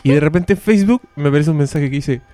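A man with a Chilean accent, hosting a podcast and telling stories in a teasing, animated way. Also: a little high, fast talker, soft background music. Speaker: podcast host. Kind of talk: casual chat.

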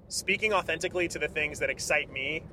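A man's voice: fairly high pitch, quick pace, pushed and bright. A man talking as a podcast guest in a car, enthusiastic and rambling, full of fillers. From California. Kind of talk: casual conversation. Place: inside a car. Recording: road and traffic noise.

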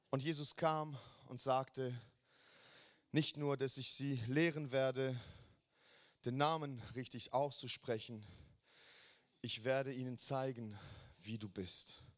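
A man's voice: mid-range voice, fairly even intonation, takes it slowly, pauses often. A man preaching a passionate sermon, calling out halleluja with enthusiasm.

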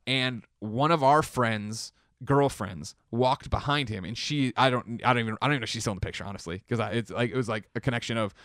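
Young guy from chicago rambling thru a story, quick, jumps way up in pitch doing voices. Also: no echo, studio quality. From Chicago area, United States. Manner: rambling, animated, acts out quotes with big pitch jumps. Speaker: guest telling a personal story. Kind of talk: casual podcast storytelling.

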